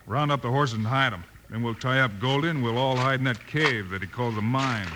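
A man plays a commanding cowboy lawman from an old western drama. He has a medium-pitched American voice, plain-spoken and decisive, over clear noise and clicks of a vintage soundtrack. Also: brisk, in a large hall, natural voice. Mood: calm, commanding.

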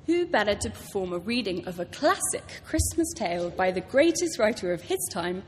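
At a public library event held in a large, echoing hall, a British author gives an enthusiastic, story-filled prepared talk before her reading. Her mid-range voice swings widely in pitch at a normal speed, and background noise is clearly audible.

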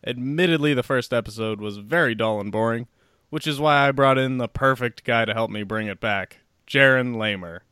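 A man's voice: mid-range voice, moderate pace, bright, forceful tone, clear, resonant tone, no echo, studio quality. A man hosting a movie podcast in casual chat, joking and self-deprecating. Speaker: podcast host.

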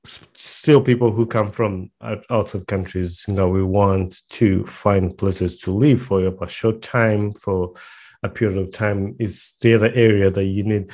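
A man's voice: fairly low pitch, fairly even intonation, unhurried, darkish tone. A man hosting a podcast, chatting casually and rambling a little, mixing in Luganda phrases. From Uganda. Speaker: podcast host. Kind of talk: casual interview chat.

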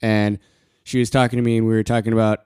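A quiet man hosting a casual solo podcast, talking in short halting bursts and pausing often for breath. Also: lowish voice, flat delivery, smooth, no echo, studio quality. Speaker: podcast host.

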